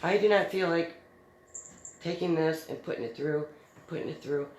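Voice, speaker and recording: A middle-aged woman with a low, slightly mellow voice hosts a DIY crafts video, speaking at normal speed. She tells a story in a chatty, easygoing way, laughs easily, and uses lots of fillers. The room has a noticeable echo and faint background noise.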